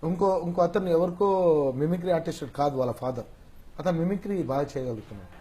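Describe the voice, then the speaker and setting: Animated, higher-voiced man explaining his craft. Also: fairly quick. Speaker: mimicry artist. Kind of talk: casual interview chat.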